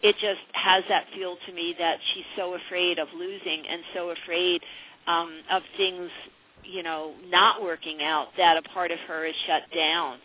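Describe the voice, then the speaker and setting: A woman's voice: lowish voice, a little hiss or hum. A woman hosting a call-in advice radio show, conversational and reflective, repeating phrases, with narrow phone-like sound. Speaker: psychic advice radio host.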